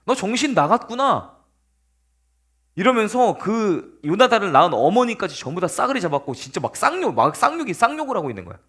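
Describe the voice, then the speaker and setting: A man preaching a casual youth sermon as a youth pastor, telling the story in an animated way and speaking directly to his listeners. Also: high-pitched, fast, few pauses, breathy edge.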